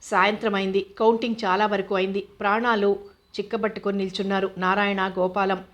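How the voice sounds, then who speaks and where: Woman reading a novel in a flat voice. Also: medium pitch, a little fast, dull audio. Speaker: narrator.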